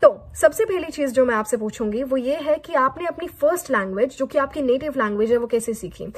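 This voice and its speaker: A woman from a Hindi-speaking background with a Haryanvi accent teaches English in an online lesson. Her voice sits high and carries a slightly husky edge. She keeps posing her own questions, then answers them and repeats the key words. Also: expressive, a little fast.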